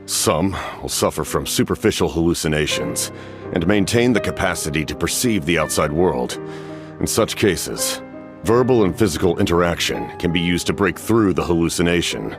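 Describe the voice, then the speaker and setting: An extremely low-voiced, stoic old warrior captain from a video game cutscene. He speaks with grave, formal, measured authority, like a commander of few emotions. Soft music plays underneath. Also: expressive. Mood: grave, clinical.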